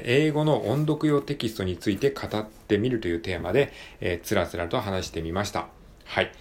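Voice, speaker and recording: A man hosting a casual solo podcast, talking in quick, chatty bursts full of fillers. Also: deep voice, gravelly. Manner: chatty, filler-heavy, rapid asides. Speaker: podcast host.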